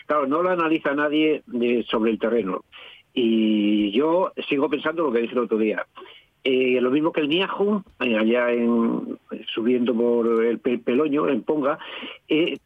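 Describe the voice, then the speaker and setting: A man, an expert guest on a radio phone-in, explaining word origins slowly and thinking aloud. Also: medium pitch, dry recording. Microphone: telephone. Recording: tinny phone line.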